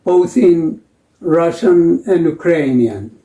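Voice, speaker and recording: A man narrating a language lesson in a slow, deliberate way, pausing between phrases. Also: on the high side, animated, mellow, reverberant, dull audio.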